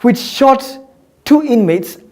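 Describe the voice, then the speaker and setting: A man's voice: extremely high pitch, expressive, slow, a little mellow. A young Kenyan man hosting a satirical comedy show, talking in a mocking, incredulous way and often laughing as he speaks. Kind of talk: satirical commentary.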